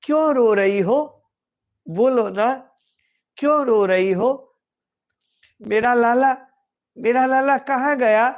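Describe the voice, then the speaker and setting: A man's voice: very high-pitched, slow, long pauses, dull audio, full character voice. A man voicing Yashoda, a loving, anxious mother, who pleads with tearful repetitions.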